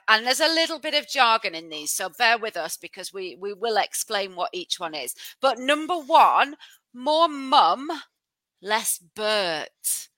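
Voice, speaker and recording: Bright-voiced woman hosting a podcast. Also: medium pitch, no room sound. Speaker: podcast host. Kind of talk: conversational podcast presenting.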